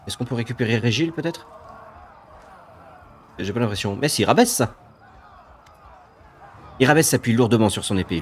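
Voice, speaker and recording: A man's voice: fairly low pitch, a little hiss or hum. A man hosting a let's play, switching between offhand commentary and dramatic reading of game narration.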